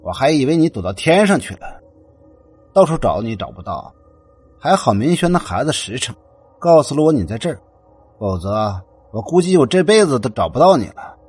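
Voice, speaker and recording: A man's voice: medium pitch, sing-song, normal speed, a little mellow, breathy edge, no room sound, soft background music. A man voicing a domineering, scornful middle-aged mother who sneers and insists on having her way. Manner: sneering, bossy.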